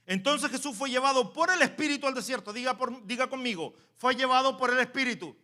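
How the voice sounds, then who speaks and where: High bright preacher guy, gets quiet then loud, makes the church repeat stuff. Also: fairly quick. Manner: swings from soft asides to loud preaching, call-and-response. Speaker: pastor. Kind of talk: sermon.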